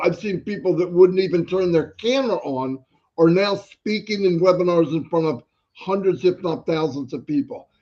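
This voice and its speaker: A man's voice: sits high, darkish tone, highs cut off. A man co-hosting a livestream in a casual, motivational way. He is emphatic and repeats his key phrases. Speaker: livestream co-host.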